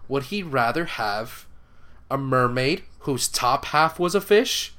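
A man's voice: medium pitch, animated, slow pace, sharp tone. A man co-hosting a fantasy football podcast in casual chat, laid-back and joking, with casual swearing. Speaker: podcast co-host.

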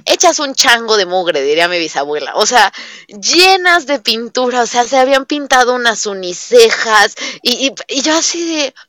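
A young woman, an early childhood teacher with a Mexican Spanish accent, talks casually as a guest in an interview. Her voice is fairly high and her speed normal, recorded dry. An animated storyteller, she acts out the quoted dialogue in her stories.

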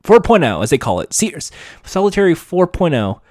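A man's voice: sits high, big pitch swings, a little fast, darkish tone, dry recording, clean studio sound. A man co-hosting a podcast in casual chat, a chatty storyteller who swears casually. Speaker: podcast co-host.

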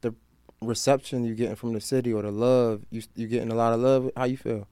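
A man's voice: medium pitch, level tone, a little fast, warm tone, smooth, no echo. A man hosting a podcast, asking questions in a laid-back, slangy, affirming way. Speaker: podcast host. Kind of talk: casual interview chat.

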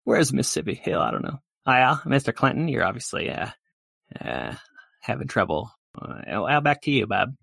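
Brief: man voicing a brash male politician, raised gravelly voice, crude rambling stump speech. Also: wildly swooping pitch, moderate pace, a bit bright, no room sound, heavily acted. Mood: blustering. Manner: rambling, crude campaign pitch. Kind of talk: improv comedy.

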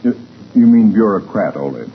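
An actor playing a pompous, oratorical middle-aged town mayor in a 1940s radio comedy. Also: male voice, lowish voice, big pitch swings, moderate pace. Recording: noisy, tinny old-time radio recording.

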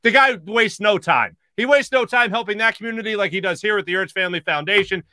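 A man hosting a casual sports talk show, energetic, with quick asides and stammering restarts. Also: high-pitched. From Philadelphia area. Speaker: podcast host.

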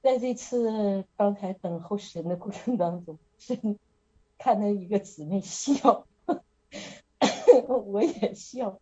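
A woman's voice: mid-range voice, unhurried, dark tone, lo-fi sound. A middle-aged woman sharing an earnest, casual testimony at a prayer meeting over an online call, often laughing as she tells her story.

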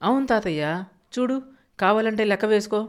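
A playful little village boy full of teasing questions, as a male storyteller puts him on. He chatters along brightly and eagerly in an audiobook reading. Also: high-pitched, brisk, smooth, voice pushed up, natural voice. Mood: chatty.

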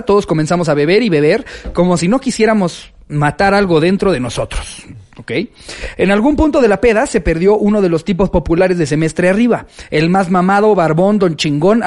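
A man's voice: sits high, darkish tone. A man with a Mexican accent, co-hosting a comedy podcast, reading listener anecdotes aloud and joking. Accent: Mexican Spanish. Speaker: podcast co-host. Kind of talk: casual comedy podcast chat.

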